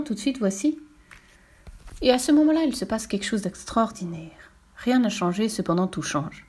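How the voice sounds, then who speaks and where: Woman storyteller, medium pitch, expressive fairy-tale read-aloud. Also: husky.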